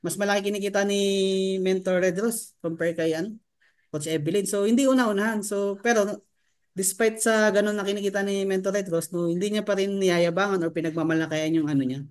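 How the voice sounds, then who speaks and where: High-voiced man giving a sales training talk. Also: steady tone, brisk, clean tone. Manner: keeps asking the audience rhetorical questions; mixes English terms into his talk. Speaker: network marketing trainer.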